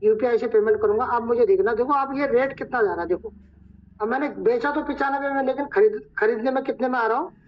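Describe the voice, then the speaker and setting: A hoarse man acting as trainer, talking viewers through a screen-share tutorial step by step. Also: extremely high pitch. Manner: talks viewers through each step, repeating "look". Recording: dull lo-fi recording.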